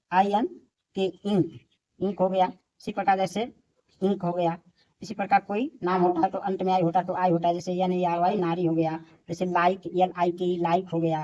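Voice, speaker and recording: A woman's voice: lowish voice, darkish tone, low-quality recording. A woman teaching a lesson in a patient, repetitive way, asking questions and answering them herself. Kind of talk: explaining lesson step by step.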